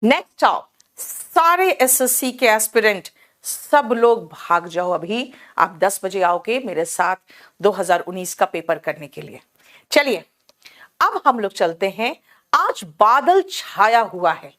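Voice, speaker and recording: A woman with an Indian accent teaching spoken English in a slow, repetitive way and calling her students "beta". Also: medium pitch, very animated, fairly bright tone. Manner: explains slowly, repeats words, calls students "beta".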